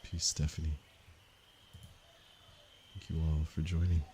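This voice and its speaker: A man from Canada, a meditation teacher, speaking softly and unhurriedly to viewers of his livestream. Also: extremely low pitch, flat delivery, slight background noise. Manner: slow, soft-spoken and unhurried, with pauses. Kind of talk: calm livestream talk to viewers.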